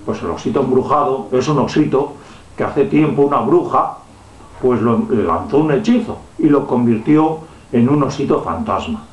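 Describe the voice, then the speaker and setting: A man voicing a boastful, all-knowing talking head in a children's story, explaining things haltingly. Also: mid-range voice, close to an everyday voice. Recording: dull, echoey home room recording.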